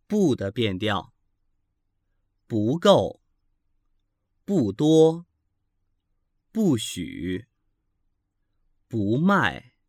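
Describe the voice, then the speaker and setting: A man reading textbook pronunciation drills, enunciating each word carefully with pauses between them. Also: mid-range voice, darkish tone, dry recording, studio quality. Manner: carefully enunciated, each syllable held apart. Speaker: language teacher reading drills.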